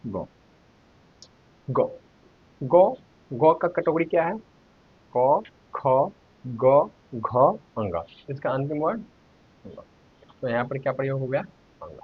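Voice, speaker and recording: Husky teacher sounding out letters. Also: male voice, fairly high pitch. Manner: asks questions to viewers, then answers them. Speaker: Hindi teacher. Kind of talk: online grammar lesson. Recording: dull lo-fi recording.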